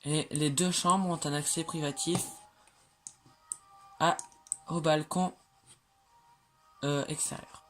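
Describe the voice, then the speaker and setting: Faint music plays behind a slow, medium-pitched voice that's fairly bright and fairly even in intonation, with frequent pauses. The speaker, a game creator, narrates their own builds casually and hesitantly, using many fillers and self-corrections and joking about their slips.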